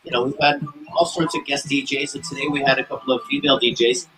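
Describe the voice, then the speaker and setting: Excitable man DJ with bright voice. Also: medium pitch, fast, slight background noise, rough recording. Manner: enthusiastic, excitable. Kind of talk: casual group video chat. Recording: music playing behind.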